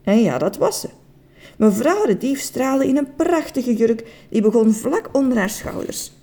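A woman reads a bedtime story aloud with a lively, swooping melody. Her tone is mellow and soft, never sharp, and she stumbles and restarts now and then. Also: fairly high pitch, measured pace. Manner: expressive, with occasional slips and restarts. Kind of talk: children's story narration.

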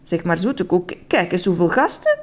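A woman's voice: fairly low pitch, sing-song, moderate pace, pitched below the performer's own voice. A woman voicing a tender, slightly awkward male groom in a children's story. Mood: proud. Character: gentle, doting male groom with a curly tail.

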